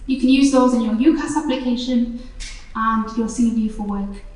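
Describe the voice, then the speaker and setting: High-voiced woman hosting in an echoey hall. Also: steady tone, a little mellow, distant mic. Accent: Northeast English. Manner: friendly, slightly halting with restarts. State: voice going hoarse. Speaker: charity event host. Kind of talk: live event presentation.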